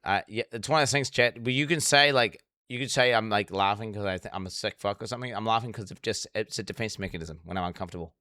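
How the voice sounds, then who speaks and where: A young man in casual live-stream commentary rambles on, swearing and breaking off into restarts. His voice is bright and crisp. The sound is dry and close. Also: fairly low pitch, fast talker, hardly any pauses, dry recording. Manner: rambling, profane, restarts often. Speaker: streamer reacting to a documentary.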